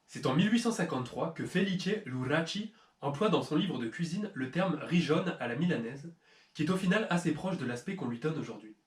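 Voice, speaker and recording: A man's voice: on the high side, animated, fairly quick. A man hosting a cooking video, explaining history and ingredients in a playful, teasing way with mock-serious jokes. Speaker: cooking channel host. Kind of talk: jokey cooking video narration. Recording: roomy echo.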